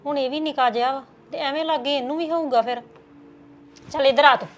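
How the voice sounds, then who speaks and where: A woman's voice: high voice, steady tone, fairly quick, natural voice. A woman playing a fussing, caring young sister-in-law in a Punjabi village web drama, homely and conversational, with a Punjabi accent. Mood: fretting.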